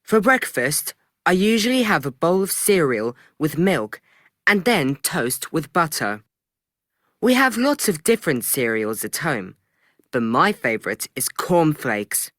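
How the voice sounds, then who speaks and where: A lively, friendly boy. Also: fairly high pitch, dry recording, studio quality. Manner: slow, lively textbook reading. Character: friendly young boy from Scotland. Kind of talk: scripted textbook audio.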